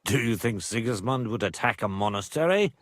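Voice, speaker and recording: A man's voice: fairly low pitch, animated, brisk, a bit bright, dry recording. Grave, proud older nobleman. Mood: firm. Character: proud, grieving older nobleman and father in medieval drama. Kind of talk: video game dialogue acting.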